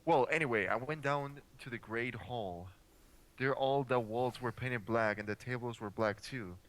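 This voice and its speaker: A young man doing a mocking dramatic reading in a deadpan, exasperated way. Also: mid-range voice, normal speed.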